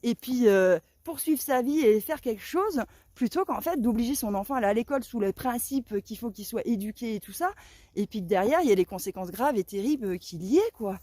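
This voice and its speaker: A woman's voice: on the high side, animated, fairly quick, dark tone, no room sound. A woman from Lorraine, France, in her thirties, talking to her viewers in an indignant, emphatic, chatty monologue. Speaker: vlogger.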